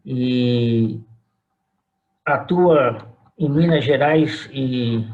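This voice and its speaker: In an interview, a retired pastor in his eighties from São Paulo, Brazil, slowly and deliberately recalls his family history. He has a Paulistano Brazilian Portuguese accent and a mid-range voice, and the audio sounds dull.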